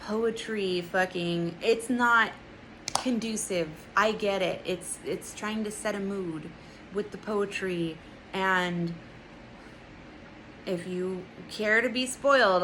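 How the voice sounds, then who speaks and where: A young woman with a bright, sharp-edged voice rants through a casual movie review. She is profane and sarcastic, and there is a faint hiss behind her. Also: lowish voice, low-quality recording.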